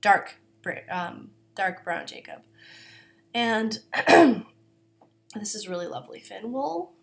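A woman's voice: mid-range voice, expressive, takes it slowly, gravelly. Woman, knitting podcast host, casual chatty delivery, coughing, self-deprecating. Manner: chatty, self-deprecating, apologetic, with many fillers. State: coughing, throat-clearing. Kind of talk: casual chat. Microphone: camera.

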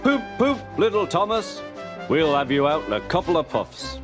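A man voicing a big, proud express engine with a hearty, rumbling manner. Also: lively intonation, a little slow, music in the background, lightly acted. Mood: jovial.

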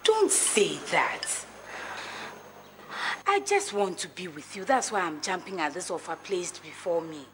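An actress playing a determined woman pleading with her lover in a film drama, in a drawn-out, insistent way. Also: lowish voice, big pitch swings, noisy background. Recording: music over outdoor film dialogue.

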